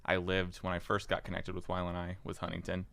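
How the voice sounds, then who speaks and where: A young man, a podcast guest, chatting casually with jokes and halting fillers. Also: deep voice, completely flat delivery, gravelly, fairly bright tone, no room sound. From Indiana. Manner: joking, self-deprecating, halting with fillers. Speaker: podcast guest, market board member. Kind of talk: casual interview chat.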